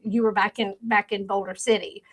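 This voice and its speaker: A woman's voice: mid-range voice, level tone, a bit bright. A woman co-hosting a podcast, chatting casually and acting out quotes as she tells stories. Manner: quick, acts out quotes when telling a story. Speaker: podcast co-host. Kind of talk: casual chat.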